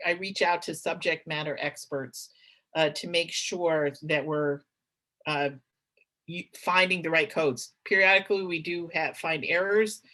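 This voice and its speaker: A woman's voice: lowish voice, a bit bright. A middle-aged woman giving a webinar presentation, talking conversationally with many fillers and restarts.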